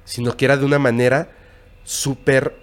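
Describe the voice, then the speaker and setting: Un hombre con acento mexicano narra con calma una historia de terror en una charla informal, con pausas y tono bajo. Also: male voice, medium pitch. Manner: recounting a scary story, hushed and halting. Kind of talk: casual storytelling.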